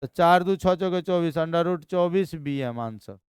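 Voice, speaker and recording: A man teaching chemistry in a live class, energetic and constantly quizzing his students. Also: a little high, measured pace, clean tone, dry recording, clean studio sound.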